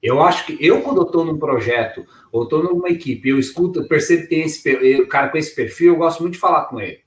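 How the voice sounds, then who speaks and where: A Brazilian man with a Brazilian Portuguese accent talks in a lively way, his voice rising high on emphatic questions. He sits away from the mic in a roomy, echoing space. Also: fast, recorded from a distance. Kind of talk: casual podcast chat.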